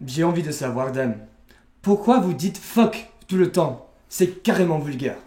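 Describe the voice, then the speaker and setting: A man's voice: fairly high pitch, expressive, unhurried, darkish tone. A man with an English accent, a native English speaker, trading mock-posh, sarcastic jabs as a guest in a comedy sketch. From England. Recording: echoey room.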